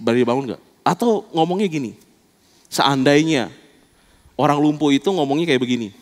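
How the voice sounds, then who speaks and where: Animated male pastor preaching in a church hall. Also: on the high side, brisk. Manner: animated, colloquial storytelling preaching. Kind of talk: sermon.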